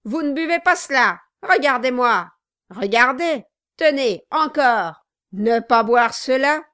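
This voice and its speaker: A woman voicing a boisterous, mocking male dwarf who drinks hard, loud and goading. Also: sits high, steady tone, normal speed, no room sound, clean studio sound, pitched above the performer's own voice. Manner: loud, rowdy and goading, with cackling laughter.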